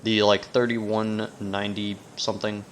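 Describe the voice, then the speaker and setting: A man giving casual, rambling gaming commentary, haltingly trailing off mid-thought, with whistling S sounds. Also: on the low side, level tone. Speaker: video game let's player. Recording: noticeable background noise, sensitive mic.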